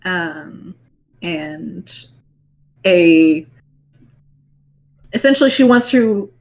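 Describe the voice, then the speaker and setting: A woman's voice: on the low side, expressive, very slow. A woman chatting casually as a player in a tabletop game.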